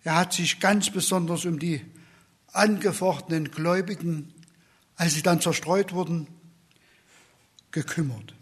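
A man preaching a sermon in a slow, earnest way, dropping to a soft whisper for repeated questions. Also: on the high side, breathy edge.

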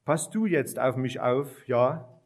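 A man voicing a sad little boy who misses his father, speaking quietly in a children's storybook reading. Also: medium pitch, animated, takes it slowly. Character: grieving little boy missing his dad.

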